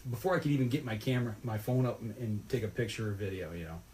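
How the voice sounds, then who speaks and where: A man's voice: fairly low pitch, quick pace, slight background noise. A man telling a rambling, folksy story about a fishing trip in casual podcast chat. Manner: rambling, folksy, animated retelling.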